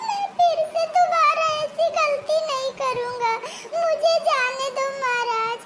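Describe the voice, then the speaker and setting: Woman doing a squeaky, pleading little boy mouse for a storybook, very high and bright. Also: takes it slowly, a little hiss or hum, exaggerated voice. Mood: tearful pleading. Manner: whimpering, begging, tearful. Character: tiny frightened pleading young male mouse.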